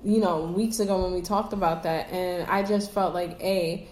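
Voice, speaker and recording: A woman's voice: on the low side, fairly even intonation, moderate pace, a little mellow, reverberant. A woman co-hosting a podcast, chatty and easygoing in casual chat. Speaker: podcast co-host.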